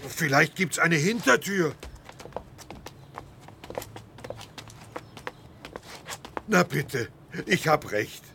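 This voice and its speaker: A high, gravelly, swooping voice plays a big clumsy elephant in a children's radio play. He is good-natured and naive, full of plaintive exclamations, with noise behind him. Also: big pitch swings, measured pace, sharp tone, full character voice. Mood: eager. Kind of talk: children's audio drama.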